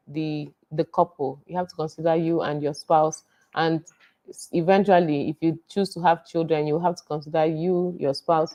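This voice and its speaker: A woman's voice: low voice, dark tone. A woman in casual chat about marriage and money, plainspoken and practical. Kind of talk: casual relationship advice chat.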